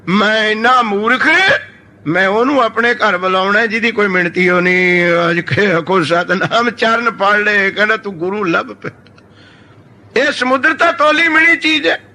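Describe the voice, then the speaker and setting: A middle-aged man preaching a sermon, telling parables with animated storytelling and acting out the voices in his stories. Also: sits high. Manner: animated storytelling, acts out quoted figures, calls congregation. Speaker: Sikh preacher giving scripture commentary.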